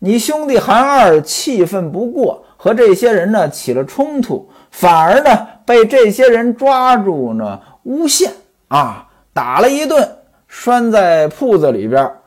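A storyteller voicing a scheming smooth-talking hanger-on man. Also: high-pitched, sing-song, a little slow, pitched above the performer's own voice, heavily acted. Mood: coaxing. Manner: coaxing, persuasive advice.

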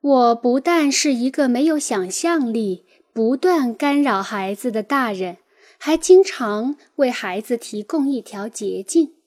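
A woman narrating a nonfiction book in a calm, measured first-person reading. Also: a little high. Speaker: audiobook narrator.

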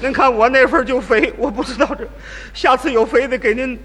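A man performing live crosstalk comedy as the lead teller, boastful and sly in his quick patter. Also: very high voice, steady tone, a bit bright. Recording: live stage recording in a hall.

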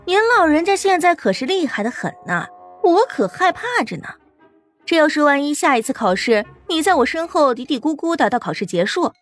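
A man's voice: extremely high pitch, big pitch swings, normal speed, fairly bright tone, faint music behind, pitched above the performer's own voice, heavily acted. A man voicing a mocking, sly young schoolgirl who teases a classmate. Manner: mocking, sing-song. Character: sarcastic teasing young schoolgirl.

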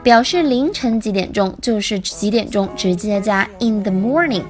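A woman's voice: mid-range voice, animated, moderate pace, soft background music. A woman teaching English, explaining phrase by phrase and repeating the English lines. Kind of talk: language lesson explanation.

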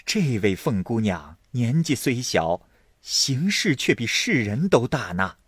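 A man doing a brisk, knowing housekeeper woman. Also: mid-range voice, sing-song, a bit bright, slightly rough, no echo, studio quality, full character voice. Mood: gossipy. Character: shrewd, talkative middle-aged housekeeper woman. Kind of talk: storytelling.

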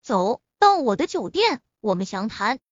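A woman's voice: on the high side, very animated, unhurried, dry recording, pitched below the performer's own voice. A woman voicing a poised, frank young businesswoman in a spoken web-novel reading, with a slightly muffled lo-fi sound. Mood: earnest.

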